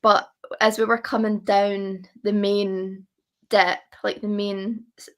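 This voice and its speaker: A woman's voice: mid-range voice, flat delivery, takes it slowly, fairly bright tone. A woman chatting casually as a guest, gushing and repeating herself for emphasis. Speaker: interview guest. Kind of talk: casual chat.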